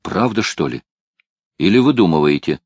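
A man's voice: deep voice, expressive, normal speed, husky, no room sound, full character voice. A man reading a nervous male prisoner who questions what he hears. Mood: doubtful. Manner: doubting, questioning.

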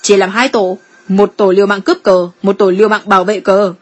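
A woman's voice: medium pitch, little pitch movement, a little fast, natural voice. A woman voicing a brash, joking male guild member with blustering, boastful talk.

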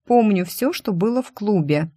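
A woman's voice: medium pitch, animated, normal speed, warm tone, dry recording, clean studio sound, voice pushed up, lightly acted. A woman voicing a hungover young female secretary who talks in a whiny, plaintive way.

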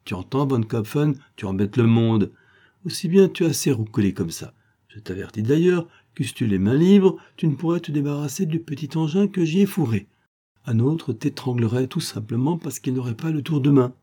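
A man's voice: mid-range voice, expressive, moderate pace, warm tone, pitched above the performer's own voice, natural voice. A man voicing a cocky young male street sleuth who taunts his captive. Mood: mocking. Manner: taunting, teasing.

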